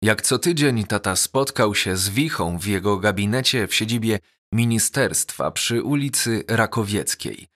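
A man narrating a novel as an audiobook, measured and even. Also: lowish voice. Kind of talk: scripted narration.

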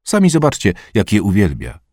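A man voicing a friendly, smooth-talking adult male stranger who coaxes in an easy tone, in an audiobook reading. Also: lowish voice, huge pitch swings, brisk, darkish tone, no echo, clean studio sound. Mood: coaxing. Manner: coaxing, easygoing.

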